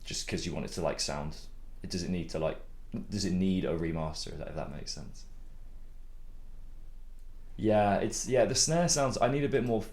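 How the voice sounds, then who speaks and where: A young songwriter with a very low voice chats casually while mixing his own songs on a live stream, rambling, laughing a lot, and swearing now and then. He talks at normal speed with long pauses, laid-back throughout, as loud music plays beneath his voice.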